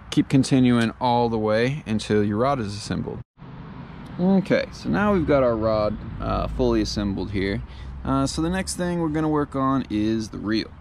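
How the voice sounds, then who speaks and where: Gravelly man explaining fly rod setup. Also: lowish voice, a little hiss or hum. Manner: relaxed, filler-heavy step-by-step explaining. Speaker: fly fishing instructor. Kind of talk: casual how-to tutorial. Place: outdoors on a lawn.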